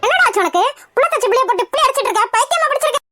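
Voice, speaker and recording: A woman's voice: animated, racing, pushed and bright, faint music behind, heavily acted. A woman voicing a protective, scolding mother in a cartoon. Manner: scolding, shrill. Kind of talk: Tamil cartoon voice acting.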